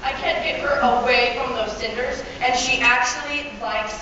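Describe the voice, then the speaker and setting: A woman's voice: high voice, normal speed, close to an everyday voice. A woman playing a pompous, exasperated prince and henpecked husband in a stage fairy-tale comedy. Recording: distant muffled hall, heavy echo, noisy.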